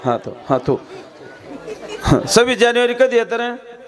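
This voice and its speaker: Brief: high-pitched Marathi preacher teasing a live crowd, songs between jokes, music and audience noise. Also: male voice, very animated, measured pace. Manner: joking, quizzing the crowd, breaks into song. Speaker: kirtan preacher. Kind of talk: comic devotional kirtan with audience. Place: live stage before a crowd. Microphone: stage microphone. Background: crowd laughter and music.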